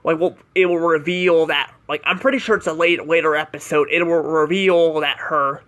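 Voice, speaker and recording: A man's voice: fairly high pitch, steady tone, moderate pace, fairly bright tone. A man giving a casual spoken review of a cartoon episode, rambling and hesitant, filling gaps with "like" and "I don't know".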